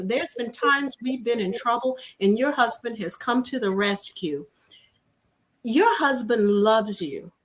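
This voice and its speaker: A woman doing a soothing, gentle older lady. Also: fairly high pitch. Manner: gentle, patient, scolding kindly. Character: soft-spoken, soothing older woman, calmly lecturing.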